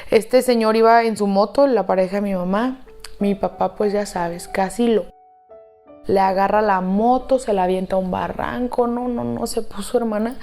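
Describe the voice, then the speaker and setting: A woman with a Mexican Spanish accent narrates a storytime in a confiding, dramatic tone, speaking to the listener like a close friend. Her voice sits at an ordinary middle pitch, with soft music faintly underneath. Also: fairly even intonation, normal speed. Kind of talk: storytime narration over slime video.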